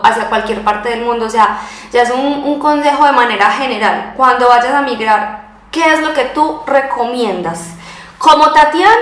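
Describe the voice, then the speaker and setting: A woman's voice: fairly high pitch, fairly bright tone, echoey room. A woman with a Latin American Spanish accent, a native Spanish speaker, hosting a casual chat interview and slipping between Spanish and Portuguese. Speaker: interviewer and host.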